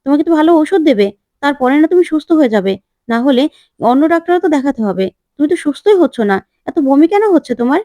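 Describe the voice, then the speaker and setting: A woman's voice: high-pitched, very animated, quick pace, mellow, no room sound, voice pushed up. A woman voicing a nosy, prying young married woman in a retold TV serial, asking pushy, coaxing questions.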